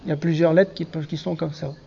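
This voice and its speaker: A man's voice: on the high side, fairly even intonation, fast, creaky, warm tone, breathy edge, highs cut off. A man teaching a Hebrew reading lesson to a class, patiently spelling out letters and syllables one by one.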